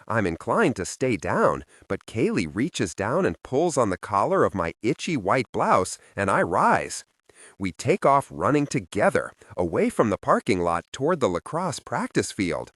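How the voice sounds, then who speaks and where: A man narrating a first-person audiobook in a wry, expressive storytelling manner, close to the microphone. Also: on the low side, no room sound.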